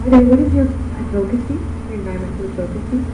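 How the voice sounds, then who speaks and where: A woman's voice: on the high side, quick pace. A woman putting formal questions to contestants as a pageant judge. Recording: distant, echoey, dull, noisy background.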